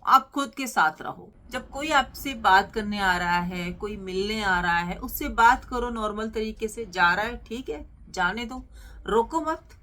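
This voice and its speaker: A woman's voice: mid-range voice, pushed and bright. A middle-aged woman hosting a motivational channel, coaxing her listeners with rhetorical questions and direct address. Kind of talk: motivational talk to camera.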